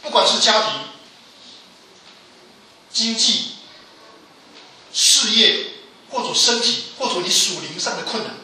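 A man preaching a sermon with emphatic delivery, his voice rising to loud pleas and falling low again. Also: sing-song, slow, pauses often, a little hiss or hum. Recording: echoey hall from a distance.

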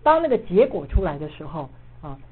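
A middle-aged woman, an assistant pastor, preaching and telling a personal story in a lively way, dotting her speech with filler particles. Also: sits low, a little fast, husky. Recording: muffled phone-like audio with faint noise.

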